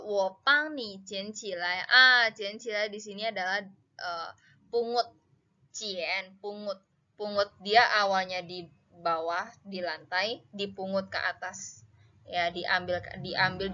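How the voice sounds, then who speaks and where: A woman teaching a language lesson, reading example sentences slowly and then explaining them in a casual way. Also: mid-range voice, steady tone, pushed and bright. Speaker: Mandarin teacher. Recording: dull lo-fi recording.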